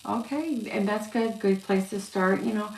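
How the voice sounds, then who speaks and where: A woman giving a casual psychic reading on a live stream, talking haltingly with many fillers and restarts. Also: medium pitch, darkish tone. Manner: halting, filler-heavy, yawning. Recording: echoey room with faint noise.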